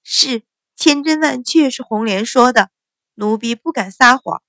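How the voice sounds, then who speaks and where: A woman voicing a frightened young maidservant, high and pleading, stammering as she answers. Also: unhurried, gravelly, dry recording, studio quality.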